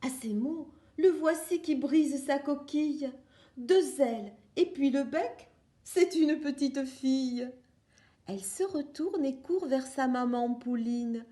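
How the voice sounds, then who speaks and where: A woman narrating a children's picture book in a bright, high voice. She reads slowly and playfully, in a sing-song rhythm. The sound rings in a roomy, echoing space. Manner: slow, sing-song, playful read-aloud. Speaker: storyteller. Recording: roomy echo.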